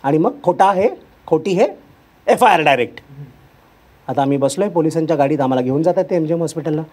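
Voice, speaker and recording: Guy doing standup storytelling, talks real fast, acts out every character. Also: fairly high pitch. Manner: animated, acts out characters' lines. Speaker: stand-up comedian. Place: stage before a live audience.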